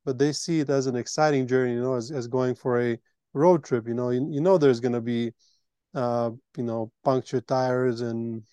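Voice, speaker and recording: A man's voice: mid-range voice, fairly even intonation, normal speed, dark tone, clear, resonant tone, no echo, highs cut off. A man hosting a retreat, explaining earnestly in a conversational interview. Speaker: retreat host.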